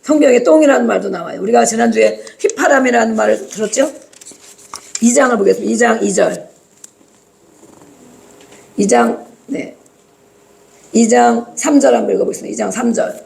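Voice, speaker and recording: Woman preaching with a gravelly edge. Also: on the high side, normal speed, pauses often. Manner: lively, acts out quoted voices. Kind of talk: sermon. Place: church.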